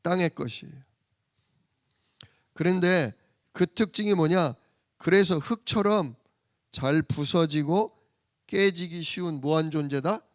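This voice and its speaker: A man preaching a sermon in church, asking rhetorical questions and answering them himself, swinging from loud emphasis to soft murmurs. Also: on the high side, measured pace, no room sound, clean studio sound. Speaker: pastor.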